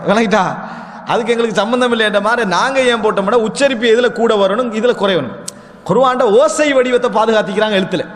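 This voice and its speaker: A man's voice: very high voice, a bit bright. A man gives an Islamic lecture. He addresses his listeners as brothers and poses rhetorical questions, then answers them himself. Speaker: Islamic preacher. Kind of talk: religious lecture. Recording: long hall reverb.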